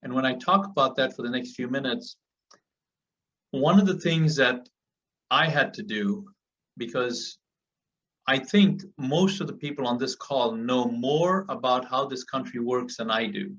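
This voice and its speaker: Speaking unhurriedly in a medium-pitched, fairly bright voice, a man from Africa motivates people on a group call. His earnest speech leans on repetition to press each point. Muffled, far-off call audio captures him.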